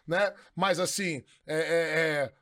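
A middle-aged man from Brazil speaks on a podcast in a fairly high voice, and he is emphatic and argumentative. He lays out his points like a teacher giving a class, pressing them home. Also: fairly even intonation, takes it slowly, a bit bright. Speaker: podcast guest, philosophy teacher. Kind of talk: casual podcast conversation.

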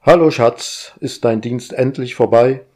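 A man's voice: medium pitch, unhurried, a little mellow, pitched above the performer's own voice, close to an everyday voice. A man voicing a weary man at home who talks in a dry, sarcastic way.

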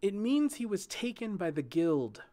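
A man voicing a terse, sharp-tongued young woman guardian in a spoken storybook, low and dry in manner. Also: big pitch swings, measured pace. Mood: dry, curt.

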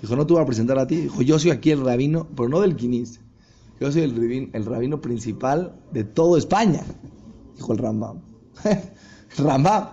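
A man's voice: medium pitch, normal speed, lo-fi sound. A man, a rabbi giving a sermon and acting out the voices of a story. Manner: animated storyteller acting out dialogue.

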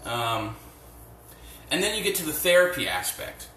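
A man's voice: on the high side, big pitch swings, normal speed, sharp tone, distant mic, a little hiss or hum. Man ranting into a phone in an echoey room. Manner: profane and blunt, with many fillers. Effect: echoey room sound. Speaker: podcast host. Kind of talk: casual rambling rant. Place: home, doing chores by the sink. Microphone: phone without headset.

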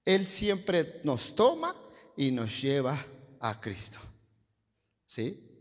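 High-voiced preacher, call-and-response. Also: male voice, wildly swooping pitch, extremely slow, in a large hall. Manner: call-and-response, quizzing the congregation. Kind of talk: sermon.

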